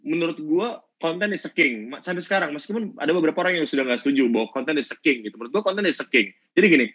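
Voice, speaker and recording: A fast, fired-up man gives a casual workshop talk over a video call. His delivery swings from loud to quiet, and the call audio sounds dull and lo-fi. The sound is dry, with no room echo. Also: a little high, husky. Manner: fiery, energetic, switches between loud and soft. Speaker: workshop speaker.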